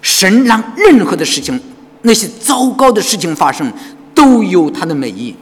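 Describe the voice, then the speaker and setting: A man preaching a sermon as pastor, animated and full of rhetorical questions to the congregation. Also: high-pitched, moderate pace, slightly rough, big-room sound. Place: church hall.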